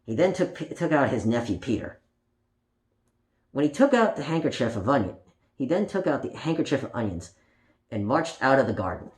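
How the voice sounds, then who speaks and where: In a roomy home recording with faint noise, a man reads a picture book to kids, playfully chatting with them as he goes. His mid-range voice is very animated, at a moderate pace with long pauses.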